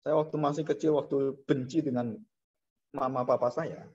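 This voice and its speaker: This is an animated sermon from a male pastor talking at an ordinary pace. He raises his pitch to mimic fearful people and lowers it for weighty points, and the audio sounds dull and lo-fi.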